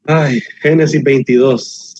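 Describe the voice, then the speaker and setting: A man's voice: mid-range voice, fairly even intonation, slow pace, darkish tone, slightly rough, no echo. Muffled man preaching a sermon. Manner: preaching with emphatic repetition and humor. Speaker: pastor.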